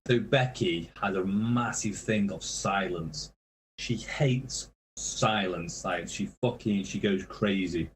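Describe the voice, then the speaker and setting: On a podcast, a touring metal musician tells rambling tour stories, swearing nonstop and laughing his way through them. He speaks slowly in a deep voice, with a little hiss or hum in the recording.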